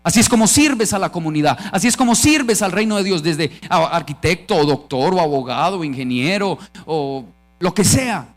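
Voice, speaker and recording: A man's voice: a little high, lively intonation, normal speed. A man with a Colombian Spanish accent preaching a conference sermon, emphatic and calling on the audience to answer back. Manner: emphatic, calls for audience responses. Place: church conference stage.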